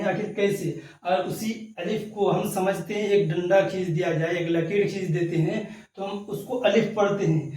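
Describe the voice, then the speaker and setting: A man's voice: sits high, darkish tone. A man teaching the alphabet, patiently sounding out and repeating each letter. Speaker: Urdu teacher. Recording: echoey room, voice far from the mic.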